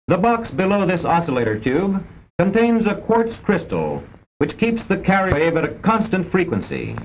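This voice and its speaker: Scripted narration for an old educational film comes from a man speaking in a formal, precise, didactic manner. The audio is a dull vintage film soundtrack with a rumbling noise throughout.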